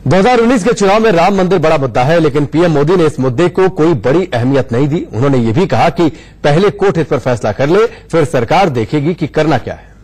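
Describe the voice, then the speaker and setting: Higher-pitched man reading a news voice-over. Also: expressive, brisk, a little mellow. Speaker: news presenter.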